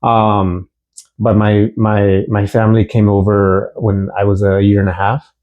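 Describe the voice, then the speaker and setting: A man's voice: lowish voice, flat delivery, unhurried, narrow, tinny audio. A man from Houston, originally from Mexico, chatting casually as an interview guest, easygoing with many restarts. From Mexico, raised in Houston, Texas.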